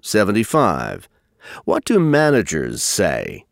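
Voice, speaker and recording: A male test narrator with a lowish voice and lively intonation. He reads exam instructions formally and deliberately in a very dry recording. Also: vocal fry, no room sound.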